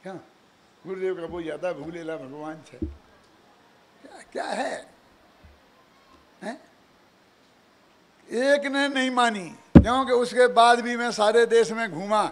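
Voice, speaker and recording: An older man giving a religious discourse, animated, full of rhetorical questions and chuckling asides. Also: high-pitched, slow pace, pauses often, noisy background. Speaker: preacher.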